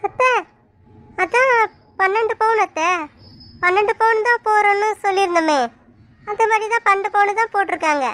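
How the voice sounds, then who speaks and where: Brief: timid cartoon bride, voiced by a woman, very high and bright, polite and pleading. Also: fairly quick, long pauses, dry recording. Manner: polite, pleading, explains softly. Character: meek young newlywed daughter-in-law. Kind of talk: cartoon dub acting.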